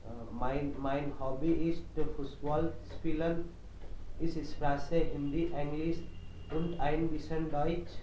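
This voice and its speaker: A young man recites his introduction slowly and carefully. He has a warm, mellow voice. It comes in distant and roomy over a call. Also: a little high, fairly even intonation, dull audio, a little hiss or hum. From India, Rajasthan. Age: young adult. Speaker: student. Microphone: video call. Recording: echoey, distant video-call audio.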